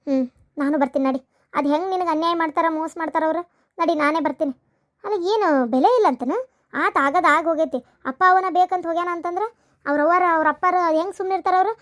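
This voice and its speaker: A woman's voice: very high-pitched, fast talker. A woman voicing an indignant, protective elder sister in a cartoon, scolding with a North Karnataka Kannada accent. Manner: scolding, forceful.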